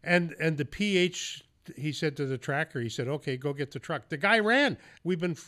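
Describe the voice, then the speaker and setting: A man's voice: on the high side, lively intonation, moderate pace, pushed and bright. A man hosting a podcast, telling hunting stories in a loose, casual way with the odd curse and laugh. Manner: storytelling, loose and profane, with laughs. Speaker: podcast host. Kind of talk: casual interview chat.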